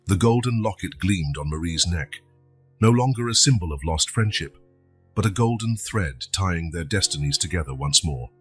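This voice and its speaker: Low, husky male storyteller. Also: lively intonation, moderate pace, faint music behind. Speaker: narrator. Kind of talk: scripted story narration.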